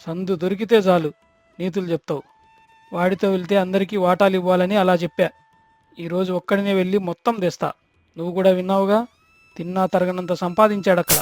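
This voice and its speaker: A man telling an animated moral story and voicing the characters in a lively, dramatic way. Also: sits high, a little fast, no echo, soft background music.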